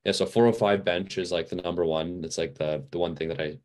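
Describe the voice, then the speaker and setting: Deep-voiced young man rambling casually. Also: steady tone, a little fast, a little mellow. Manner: rambling, many fillers and restarts. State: a little fatigued. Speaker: podcast guest. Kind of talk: casual interview chat.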